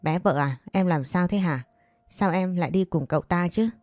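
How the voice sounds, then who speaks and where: A woman's voice: lowish voice, moderate pace, a little mellow, dry recording, clean studio sound, natural voice. Woman voicing a jealous, hot-tempered older man. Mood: pleading. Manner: angry, demanding.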